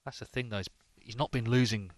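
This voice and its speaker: A man's voice: mid-range voice, fairly even intonation, brisk, no room sound. A man giving analytical sports commentary as a snooker commentator.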